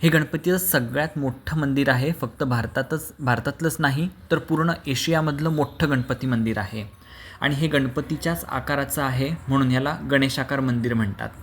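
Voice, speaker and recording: Calm, flat-voiced man narrating a temple vlog. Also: medium pitch. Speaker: vlogger.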